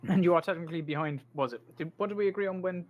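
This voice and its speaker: A man's voice: a little high, rapid-fire, narrow, tinny audio. A man running a tabletop game as game master, thinking aloud over the rules with plenty of "uh"s. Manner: thinks aloud while reading rules, many fillers.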